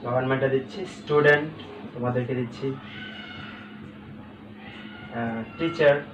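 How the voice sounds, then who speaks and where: A male English teacher giving a recorded lesson, breaking words into syllables slowly and checking in often. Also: medium pitch, fairly even intonation, distant mic, over music. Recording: echoey room, away from the mic, faint background hum.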